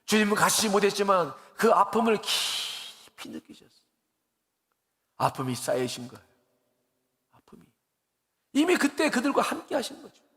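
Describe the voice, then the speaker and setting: A man's voice: sits high, sing-song, moderate pace, pauses often, a bit bright. A man, a pastor, preaching an earnest, conversational sermon, laughing at himself now and then as he tells stories. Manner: earnest and conversational, with rising emotional emphasis. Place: church sanctuary. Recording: long church reverb.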